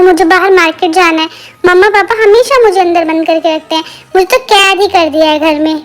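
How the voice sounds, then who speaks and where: Woman voicing a pleading little toddler boy. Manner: childlike pleading, high singsong voice. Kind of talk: voice-over for a baby.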